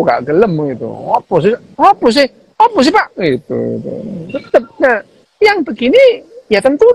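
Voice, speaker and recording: Animated man, lively pitch. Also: slightly rough, dry recording, poor audio. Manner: animated, mixing Javanese phrases, repeats "gitu". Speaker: neuroscientist guest on a live chat. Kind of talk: casual livestream chat.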